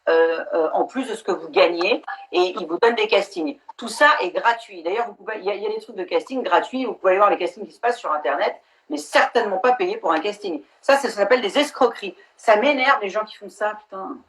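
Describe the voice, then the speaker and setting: A woman's voice: medium pitch, animated, a little fast, hardly any pauses. Woman, middle-aged, frank casual live-stream chat, video call audio. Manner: frank and chatty, swears casually. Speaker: actress hosting a live stream.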